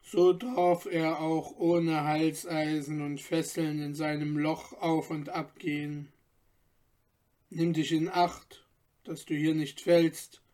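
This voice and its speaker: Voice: medium pitch, little pitch movement, slow pace, dark tone, close to an everyday voice. A narrator voicing an old jailer with a muffled, subdued voice. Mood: grim. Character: old gloomy male jailer.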